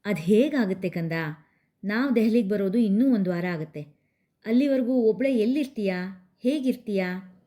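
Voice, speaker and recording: A woman narrator gives voice to a caring middle-aged father in a spoken story. He asks questions patiently, with quiet worry for his daughter. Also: medium pitch, normal speed, close to an everyday voice. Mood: concerned. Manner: gentle, concerned questioning.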